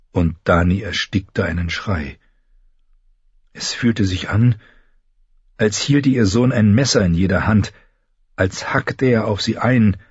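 A man narrating a fantasy audiobook in a dramatic, expressive way. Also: deep voice, breathy edge, no room sound, lo-fi sound.

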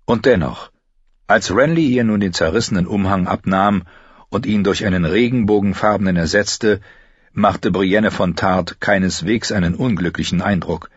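Male audiobook narrator, low husky voice, measured; dry, dull studio sound. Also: no echo. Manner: even, measured storytelling. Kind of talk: scripted narration.

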